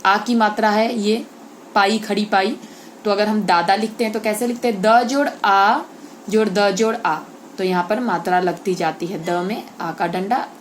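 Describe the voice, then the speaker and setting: A woman's voice: on the high side, a little mellow, slight background noise. A woman teaching a Hindi grammar lesson to children. She explains step by step, draws out vowel sounds to model them, and keeps checking in with her class.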